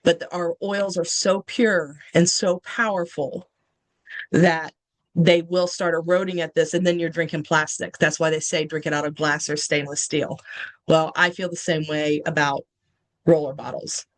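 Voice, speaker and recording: A host chatting casually with viewers, explaining things and addressing them directly. The voice sits at a middle pitch. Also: flat delivery, normal speed, rough recording. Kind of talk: casual live chat.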